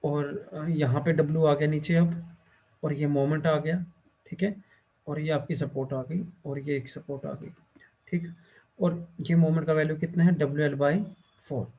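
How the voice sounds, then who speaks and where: A male teacher lecturing a class, who keeps asking the students questions and fills his pauses with the same short check-in phrase. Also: a little high, fairly even intonation, phone-quality sound. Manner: quizzes students and fills pauses with "theek hai".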